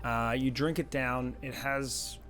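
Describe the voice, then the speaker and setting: Guy running a dnd game, mid pitch, laughs a lot, music behind. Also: fairly even intonation, slow, fairly bright tone. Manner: laughs often, breaks into giggles. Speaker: game master. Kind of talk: narrating a tabletop game.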